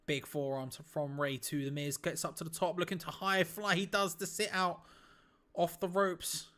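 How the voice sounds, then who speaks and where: A man streaming a live watch-along, giving casual, excitable play-by-play on a wrestling match and bursting out at big moves. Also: fairly high pitch, normal speed. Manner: casual, blunt, swears lightly. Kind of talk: live play-by-play reaction commentary.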